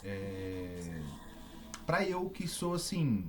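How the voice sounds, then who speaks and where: A man, an interviewer asking questions in a halting, stumbling way. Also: fairly low pitch, sing-song, a little mellow, a little hiss or hum.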